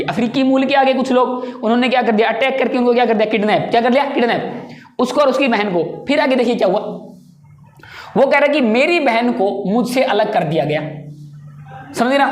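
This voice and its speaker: A woman's voice: on the high side, a little mellow. A woman teaching a general knowledge lesson, asking a question and then answering it herself, and repeating key points. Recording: echoey room.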